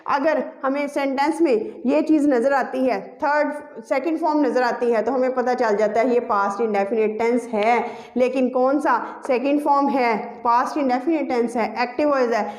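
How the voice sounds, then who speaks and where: A woman's voice: high voice, steady tone, moderate pace, few pauses. A woman teaching an English grammar lesson, explaining step by step, repeating key terms and addressing her students directly. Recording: echoey room.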